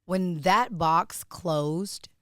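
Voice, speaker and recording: A woman guest speaks in a lowish, smooth and resonant voice, earnest and animated as she tells her story. The sound is dry and close, with no room echo. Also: very slow. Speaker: actress guest. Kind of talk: casual interview talk.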